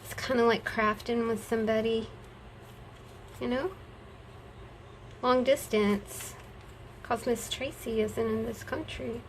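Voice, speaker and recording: A woman's voice: a little high, steady tone, slow, pauses often, a little hiss or hum, rough recording. A woman chatting casually to her viewers while she crafts, folksy and affectionate, talking to herself as she works. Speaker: craft vlogger.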